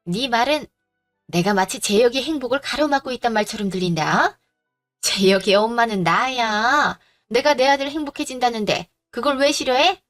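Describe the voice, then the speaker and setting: A woman's voice: on the high side, normal speed, a bit bright, soft background music, natural voice. A woman voicing a greedy, domineering middle-aged mother-in-law who scolds and makes demands, in a drama. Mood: demanding. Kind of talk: Korean audio drama acting.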